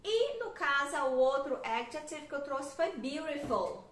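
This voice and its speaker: Brazilian woman in her thirties, teacher, bright voice, echoey room, patient and slow on the examples. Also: high-pitched, very animated. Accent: Brazilian Portuguese. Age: 30s. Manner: explains patiently, drawls example sentences slowly, ends phrases with "tá?". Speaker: English teacher. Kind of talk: casual online English lesson. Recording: echoey room with faint noise.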